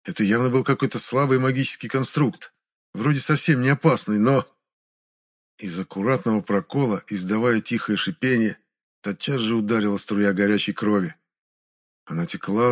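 Man narrating a dark fantasy audiobook. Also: fairly low pitch.

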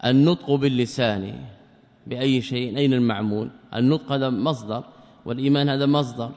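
A male sheikh teaches a classical religious lesson in a large hall, and his mid-pitched voice carries a long reverb. He poses questions to his students and answers them himself. Now and then he recites grammar verses from memory. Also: fairly even intonation, fast, a little mellow. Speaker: sheikh teaching a creed commentary.

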